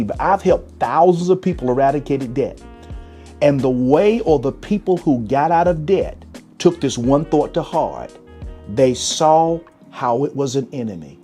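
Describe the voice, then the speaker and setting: A man's voice: fairly high pitch, dark tone. A man hosting a motivational money talk to camera as a cash flow strategist, emphatic and coaxing as he addresses his viewers. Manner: emphatic and coaxing, often urging "come on".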